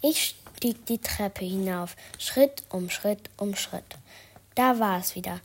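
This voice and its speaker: A woman narrating a children's story for her podcast in a soft, half-whispered way. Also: medium pitch, takes it slowly, slight background noise.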